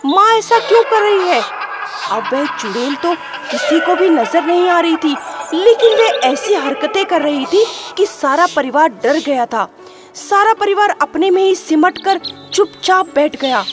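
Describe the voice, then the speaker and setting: Woman storyteller, dramatic and suspenseful, high voice, slow, music behind. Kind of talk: scripted story narration. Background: background music.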